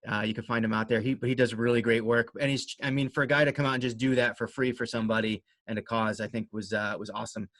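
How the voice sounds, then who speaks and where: A man talks casually as an interview guest, at a middling pitch. He rambles along in a conversational way and is modest and self-deprecating about himself. The sound is dry, with little room in it. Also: steady tone, quick pace, few pauses, a bit bright, no room sound. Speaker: interview guest, amateur runner and race organizer.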